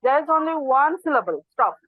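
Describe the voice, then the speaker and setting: High-pitched teacher on phone-like audio. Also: female voice, expressive, fairly quick. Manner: hesitant, mixes Hindi into English. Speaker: school teacher, participant. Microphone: video call. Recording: tinny dry phone-like call audio.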